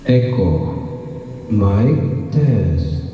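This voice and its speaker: A man doing loud, repeated mic checks through a karaoke microphone with a digital echo. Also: on the low side, expressive, very slow. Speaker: vlogger testing a karaoke speaker. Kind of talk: casual home video. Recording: echoey, distant, dull, noisy home recording.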